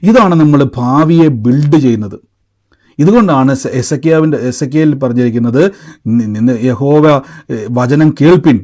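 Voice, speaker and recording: A man's voice: on the high side, moderate pace, dark tone. A man preaching a live-streamed sermon, asking emphatic questions and leading the listeners in repeated declarations. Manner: emphatic, rising questions and call-and-response.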